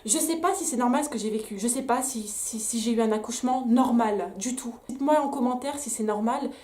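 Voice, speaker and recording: A woman's voice: fairly high pitch, a little fast, a little mellow. A young woman vlogger candidly telling a personal story straight to the camera, emphatic and full of restarts. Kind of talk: story time vlog. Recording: echoey room.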